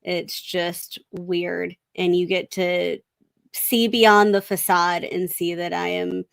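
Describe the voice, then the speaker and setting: A woman's voice: lowish voice, level tone, slow pace, creaky, no room sound. A woman co-hosting a casual live stream, talking in a dry, self-mocking way over a mic that crackles and distorts. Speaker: stream co-host. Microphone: computer mic on a live stream.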